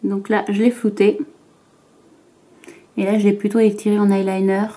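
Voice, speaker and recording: A woman's voice: mid-range voice, flat delivery, moderate pace, warm tone. A woman vlogger talking through her makeup routine to camera, chatty and hesitant, with frequent fillers and restarts. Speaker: beauty vlogger. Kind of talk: makeup tutorial talk to camera.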